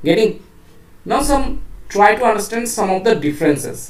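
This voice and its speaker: A woman's voice: medium pitch, expressive, very slow, far from the mic. A woman with a Bengali accent teaching an English grammar lesson, explaining rules step by step and asking her students questions as she goes. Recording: echoey room, voice off mic.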